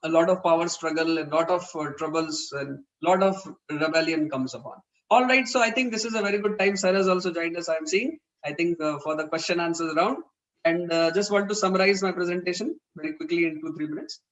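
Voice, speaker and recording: A man's voice: a little high, brisk, a bit bright, low-quality recording. A man with an Indian English accent giving an earnest, explanatory parenting talk in an online webinar. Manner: earnest, explanatory, acts out quoted dialogue.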